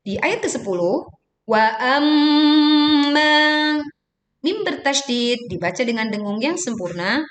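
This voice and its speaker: A woman teaching Quran recitation, switching between slow, drawn-out chanted verses and brisk spoken explanations of pronunciation. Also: a little high, very animated, echoey room. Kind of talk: tajwid lesson with chanted recitation.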